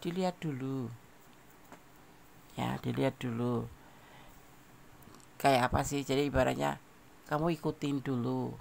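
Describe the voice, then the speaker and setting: A man's voice: medium pitch, steady tone, measured pace, vocal fry, pauses often, a little hiss or hum. A man giving a casual tarot general reading, talking straight to the listener and repeating phrases. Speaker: tarot reader.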